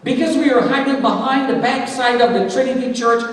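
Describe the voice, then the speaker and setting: A man's voice: very high voice, brisk, a little hiss or hum. A man giving a dramatic testimony as guest speaker in church, acting out the words of the people in his story. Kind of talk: testimony sermon. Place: church sanctuary. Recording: echoey church hall from far off.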